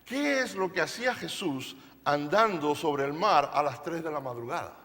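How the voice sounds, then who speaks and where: A man's voice: a little high, lively intonation, normal speed, fairly bright tone, long reverb tail. A male pastor preaching a sermon to a congregation, emphatic and playful, often asking them questions. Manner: playful, jokes with the audience. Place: church service.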